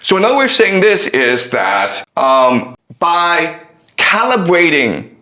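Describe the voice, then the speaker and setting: A man's voice: on the high side, takes it slowly, reverberant. A male professor giving a classroom lecture, telling a story and checking in with his students. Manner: animated, checks in with "okay?".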